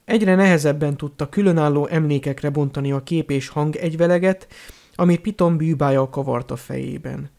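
Gravelly male audiobook narrator. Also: fairly high pitch, a little mellow.

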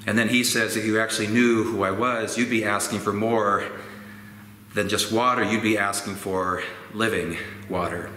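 A man in his sixties preaching a sermon slowly and gently in a church sanctuary, gesturing as he reflects. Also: fairly low pitch. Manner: slow, gentle and reflective, with expressive hand gestures. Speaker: pastor. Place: church sanctuary with organ pipes. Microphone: fixed camera at medium distance. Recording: roomy church echo, faint ambient noise.

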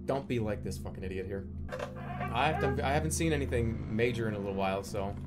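A man's voice: on the low side, fast talker, loud music behind the voice. A man in his thirties giving casual, rambling live-stream game commentary, joking and repeating his phrases. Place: small room at home, indoors.

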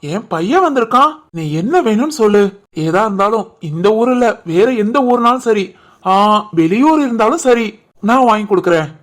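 A woman voicing a proud, generous young new father in an animated family story, with a Tirunelveli Tamil accent. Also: a little high, moderate pace, close to an everyday voice. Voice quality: generous, boastful.

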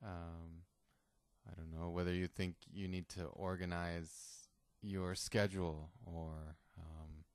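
A man co-hosting a casual podcast, speaking English and hesitating with many ums and soft laughs. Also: low-pitched, level tone, drawn-out words, clean tone, no echo. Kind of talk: casual chat. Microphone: studio podcast mic.

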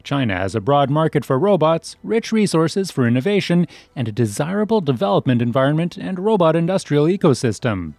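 A man with a fairly high voice reads a scripted news voice-over. His intonation rises and falls a lot, and the sound is dry, with no room echo. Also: very animated, a little fast, few pauses, a little mellow. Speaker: news narrator.

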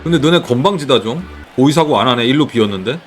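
A Korean man streaming a baseball video game, giving casual play-by-play commentary with sudden excited exclamations. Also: medium pitch, quick pace. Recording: game music playing behind.

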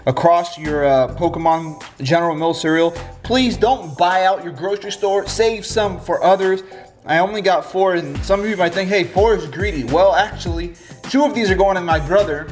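A man with a fairly high voice that sounds blocked up and nasal, as if his nose were hurt. He hosts a casual vlog, talking chattily to his viewers and repeating phrases as he goes, with music playing behind him. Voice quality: stuffy, nasal sound after nose surgery. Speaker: host of a card pack opening channel. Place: home kitchen indoors. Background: background music.

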